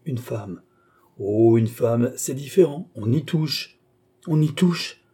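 A man's voice: medium pitch, slow pace, mellow, slightly rough. A man voicing an old, irascible aristocratic father who mocks and needles his son in an audiobook. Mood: sly. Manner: scornful, needling, stamping with temper. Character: old irascible nobleman father, mocking and impatient. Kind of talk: audiobook character reading.

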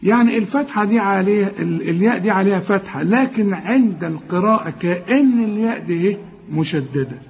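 A man with an Egyptian accent gives a tajweed lesson. His voice sits a little high, and he explains each rule before drawing the letters out slowly. The recording is a bit dull and lo-fi. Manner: explains rules, then slowly drawls out sounds. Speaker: Quran recitation teacher. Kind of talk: tajweed lesson with recited verses.

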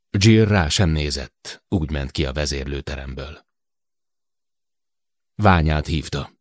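Deep-voiced man narrating an audiobook. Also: dry recording, studio quality. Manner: expressive storytelling.

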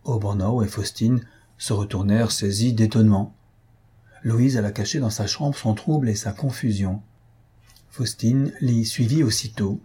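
A man narrating a classic novel in a measured, literary reading style. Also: on the low side, mellow, slightly rough. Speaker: audiobook narrator. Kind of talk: scripted narration.

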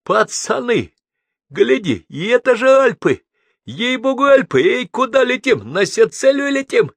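A man's voice: very high voice, very animated, a little slow, creaky, no echo, voice pushed up, heavily acted. A man doing a raving possessed gangster. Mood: manic. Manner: bellowing, slangy, manic.

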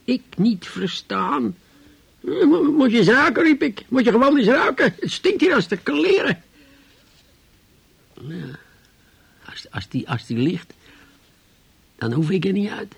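An actor playing a bitter, sleepless old man in a radio play monologue, halting and repeating words, flaring into indignation. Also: sits high, very animated, creaky, slightly rough, no room sound, full character voice, rough recording. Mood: indignant.

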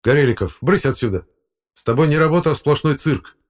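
A man's voice: on the high side, lively intonation, brisk, voice pushed up, lightly acted. A man voicing a stern older expedition chief who barks orders and scolds. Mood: scolding.

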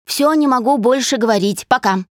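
A woman voicing an irritated, hungover young woman with sharp, exasperated replies, in a dry recording. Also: mid-range voice, lively intonation, moderate pace, dry recording, natural voice. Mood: curt.

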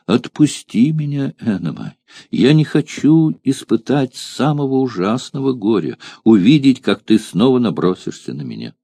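A man's voice: mid-range voice, gravelly, warm tone, dry recording, pitched above the performer's own voice. A man voicing a cunning young courtesan who coaxes with feigned tenderness in an audiobook. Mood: pleading.

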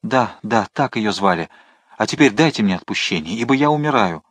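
A man's voice: fairly low pitch, animated, fairly quick, fairly bright tone, dry recording. A man voicing a dying, remorseful executioner who moans and begs for absolution. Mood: desperate. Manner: pleading, moaning.

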